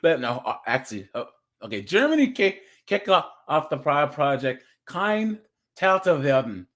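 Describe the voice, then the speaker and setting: A man's voice: mid-range voice, big pitch swings, normal speed, fairly bright tone. A young man giving casual reaction commentary as a streamer, chatty, laughing often and restarting his words as he reads.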